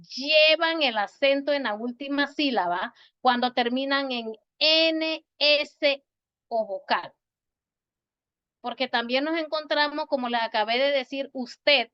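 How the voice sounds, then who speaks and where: Patient woman teacher on a video call. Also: high-pitched. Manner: slow, patient, repeats words to stress syllables. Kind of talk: online grammar lesson. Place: home or office on a video call. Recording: dull, lo-fi video call audio.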